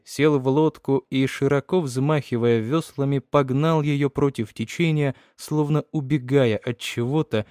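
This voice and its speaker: A man reading a story aloud in measured, even narration. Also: medium pitch, dry recording, clean studio sound. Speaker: audiobook reader. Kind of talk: scripted narration.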